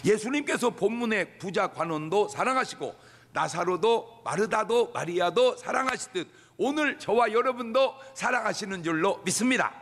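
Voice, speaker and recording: A man preaching a sermon in a church, animated and leading the congregation in call-and-response. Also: sits high, normal speed, long reverb tail. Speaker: pastor. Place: church sanctuary.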